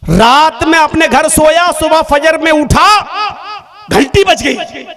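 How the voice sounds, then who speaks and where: Preacher guy telling a story in a sermon, very high voice, lively. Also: slow. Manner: animated storytelling with acted voices.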